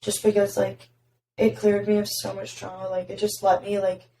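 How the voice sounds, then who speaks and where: A young woman with a raspy voice, hosting a podcast and telling stories in casual chat full of "like" fillers. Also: mid-range voice, monotone, moderate pace, dark tone. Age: young adult. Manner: chatty storytelling, many "like" fillers. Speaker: podcast host. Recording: roomy echo, faint noise.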